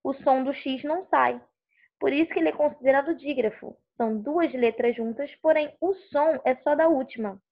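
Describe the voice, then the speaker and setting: A woman teacher from Rio de Janeiro state with a carioca accent, patiently explaining a lesson and repeating words slowly to stress their sounds. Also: high-pitched, lo-fi sound. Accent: Rio de Janeiro Portuguese. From Rio de Janeiro state, Brazil. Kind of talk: recorded online class.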